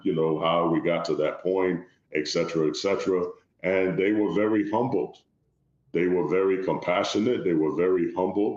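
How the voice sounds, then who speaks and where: A man from Liberia, a guest in an interview, speaking in a measured, formal way. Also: deep voice, roomy sound, lo-fi sound. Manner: measured, formal, repeats "long story short". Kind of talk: interview conversation.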